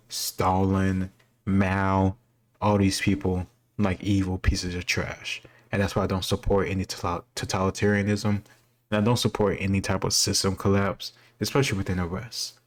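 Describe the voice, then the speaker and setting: A man with a very deep voice hosts a reaction video, talking casually and off the cuff at a moderate pace. His intonation stays quite flat while he reasons aloud and offers his opinions, unscripted.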